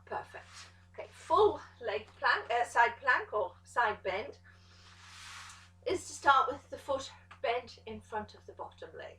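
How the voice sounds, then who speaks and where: A woman pilates instructor giving calm step-by-step cues to an exercise class, encouraging as she goes. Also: on the high side, measured pace, recorded from a distance. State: out of breath at times. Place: pilates studio room. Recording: echoey studio room, voice from off the mic.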